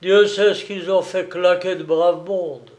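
A man voicing a gruff, pious old male sailor in an audiobook, talking in loud, rough exclamations. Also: high-pitched, steady tone, measured pace, pitched above the performer's own voice. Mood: fierce, excited.

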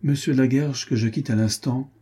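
A man's voice: mid-range voice, fairly even intonation, fairly quick, mellow, breathy edge, pitched above the performer's own voice, lightly acted. A man voicing a grave, courteous young nobleman in a storybook who bears bad news. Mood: solemn. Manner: solemn and courteous.

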